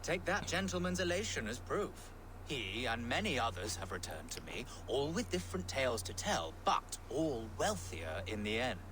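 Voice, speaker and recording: An actor playing a sly, theatrical elixir peddler in a video game, persuasive and grandiose. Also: male voice, mid-range voice, big pitch swings, moderate pace, hardly any pauses, noisy background, lightly acted. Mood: persuasive, scheming. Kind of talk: video game character acting. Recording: busy game ambience behind the voice.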